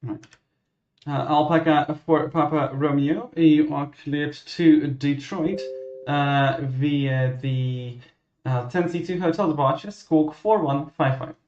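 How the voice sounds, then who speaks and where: A man working as a ground controller, giving clearances and commentary in a halting, self-correcting way. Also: fairly high pitch, fairly even intonation, a little mellow. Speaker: virtual air traffic ground controller. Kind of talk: radio clearances and explanatory commentary. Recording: muffled, roomy microphone sound.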